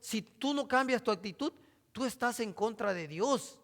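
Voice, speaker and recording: High bright-voiced preacher. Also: male voice, animated, normal speed. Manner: swings from hushed asides to loud emphatic scripture reading. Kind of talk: sermon. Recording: hall reverb.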